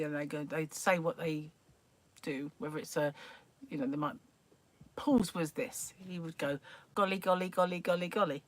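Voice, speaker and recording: An older woman, hosting a live stream and telling family stories in a chatty way, laughing often between remarks. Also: fairly low pitch. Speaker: livestream host. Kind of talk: casual anecdotal chat.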